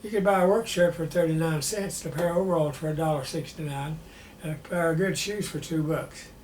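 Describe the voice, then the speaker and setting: An old war veteran in his nineties with a Southern US accent remembers his life in a plainspoken, halting way during an interview. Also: fairly high pitch, a little mellow. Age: 90s. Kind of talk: personal reminiscence in an interview. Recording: roomy echo with faint background noise.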